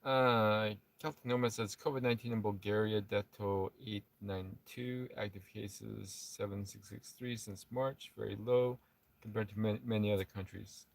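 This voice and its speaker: A man co-hosting a casual travel livestream from a camper van, chatting in a relaxed way and reading out viewer comments. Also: on the low side, normal speed, creaky, distant mic. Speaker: vlogger co-host. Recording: dry, from a little off mic.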